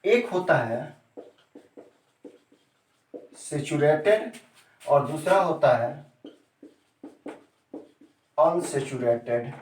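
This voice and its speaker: A man's voice: a little high, expressive, very slow, pauses often, a little mellow, a little hiss or hum. A male chemistry teacher giving a classroom lesson who repeats key terms and keeps quizzing his students with questions. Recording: echoey room, mic set far off.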